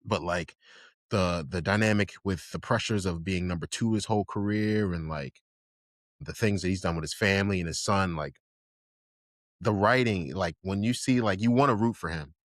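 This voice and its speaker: Male co-host, casual rambling chat, low voice, dry studio sound. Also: normal speed, no echo. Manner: rambling, filler-heavy, enthusiastic. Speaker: podcast co-host. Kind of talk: casual chat about anime.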